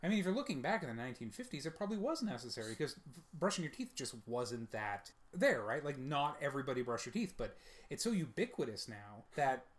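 A man co-hosting a podcast in casual chat, animated, often jumping into mocking voices to quote people. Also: mid-range voice, fast. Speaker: podcast co-host.

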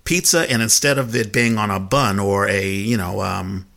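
A man's voice: lowish voice, moderate pace, vocal fry, a bit bright. A man hosting a podcast, chatty and rambling, full of you-knows. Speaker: podcast host. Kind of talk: casual interview chat.

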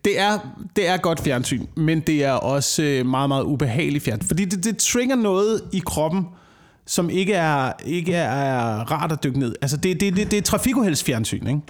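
A man talking casually with a co-host, his voice a bit higher than most. He circles his points with stammered repetitions and restarts. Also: lively intonation. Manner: stammering restarts, repeats words while thinking. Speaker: podcast co-host. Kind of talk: casual chat.

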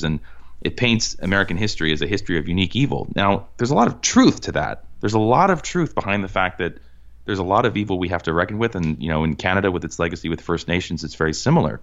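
Male host, deep voice, earnest talker who restarts phrases, muffled recording. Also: a bit bright. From Cambridge, Massachusetts. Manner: earnest, many restarts, emphatic. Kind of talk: casual conversational interview. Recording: dull lo-fi sound.

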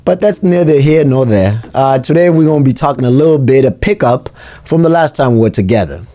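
Guy musing on his own show, warm voice, dry close sound. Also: medium pitch, animated, no room sound. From South Africa. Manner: unhurried, thoughtful, personal. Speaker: podcast host. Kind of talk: reflective solo monologue.

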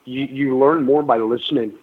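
A man's voice: medium pitch, steady tone, normal speed. A middle-aged man telling wrestling stories in a casual radio interview, rambling with lots of ums and restarts. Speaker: guest, pro wrestler. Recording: narrow phone-like radio sound.

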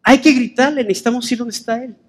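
A man voicing two desperate blind beggars, pleading and calling out, a bit higher than his own voice. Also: fairly even intonation, fairly quick, close to an everyday voice.

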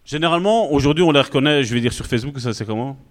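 A male pastor giving an animated, conversational sermon full of asides to the congregation. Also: mid-range voice, racing.

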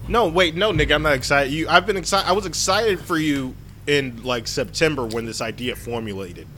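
A man's voice: on the high side, a bit bright. Ribbing male podcast co-host on a noisy mic. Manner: incredulous, quick-witted ribbing. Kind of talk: casual podcast banter.

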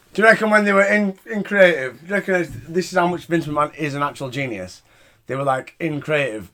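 A British man chats through a wrestling review as a podcast host. His voice sits slightly high for a man. The delivery is informal and sweary, like talk between mates. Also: bright, forceful tone. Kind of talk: casual recap chat.

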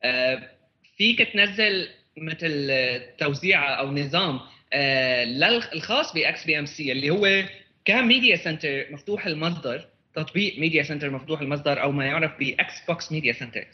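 A man's voice: on the high side, expressive, fairly quick, dull audio. A man with a Levantine Arabic accent in a casual tech discussion, often repeating words as he searches for phrasing and mixing in English terms.

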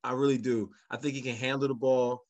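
A man's voice: medium pitch, little pitch movement, a little fast, darkish tone. A man on a podcast panel talking sports casually, repeating phrases for emphasis.

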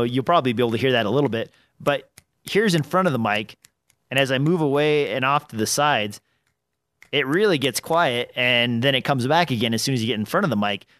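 A podcast host with a slightly nasal, mid-range voice rambles casually, full of fillers and restarts, talking a little fast with a sharp tone. He's close on an arm-mounted dynamic mic in a small home studio, with no room sound.

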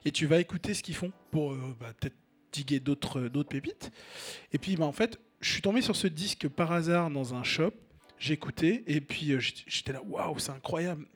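Husky-voiced French man chatting about records. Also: on the high side, normal speed, soft background music. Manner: hesitant, lots of fillers, frank opinions. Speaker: radio show co-host presenting records. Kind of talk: casual music chat.

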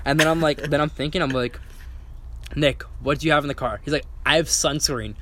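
A man's voice: on the high side, steady tone, a little fast, background noise. A young man telling a story in casual chat, acting out quotes and swearing freely. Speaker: guest storyteller.

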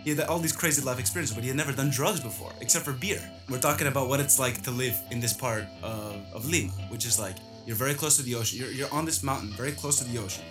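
A man's voice: medium pitch, fast talker, few pauses. A man telling a personal story in a loose, rambling way, full of filler words, with guitar music under his voice. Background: plucked guitar music.

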